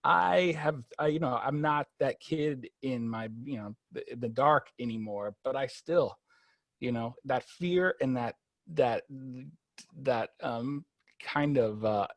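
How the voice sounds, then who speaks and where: A man co-hosting a podcast, praising the guests in a halting way full of fillers. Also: medium pitch, no room sound. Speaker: podcast co-host. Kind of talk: interview question.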